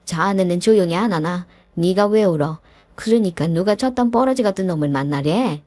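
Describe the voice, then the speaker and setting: A woman's voice: lowish voice, lively intonation, normal speed, no echo. A woman doing a fiery scolding old mother. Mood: furious. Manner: blunt scolding, sharp-tongued. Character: blunt, fiery older mother-in-law, scolding.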